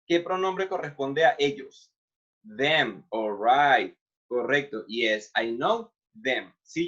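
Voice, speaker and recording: A male English teacher, a native Spanish speaker, giving a recorded online lesson. He explains in Spanish and reads the English examples slowly. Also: medium pitch, a bit bright, breathy edge. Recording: dull lo-fi sound.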